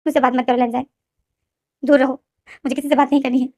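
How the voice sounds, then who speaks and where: A woman's voice: high voice, little pitch movement, quick pace, darkish tone, no echo. A woman voicing a hurt, tearful young man in a storybook retelling, speaking in pleading, self-blaming outbursts.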